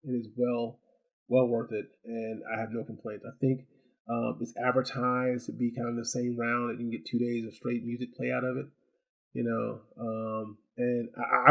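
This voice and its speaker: In a low-quality recording, a man reviews a product off the cuff as a gadget review host. His mid-range voice is creaky with a darkish tone, and he rambles, repeats words, and chats with asides and "right?" check-ins.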